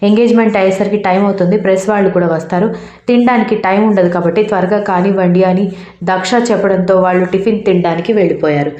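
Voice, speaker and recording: A woman reading a romance story aloud in a steady, even storyteller's manner. The sound is a little muffled. A roomy echo hangs around her voice. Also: medium pitch, fast.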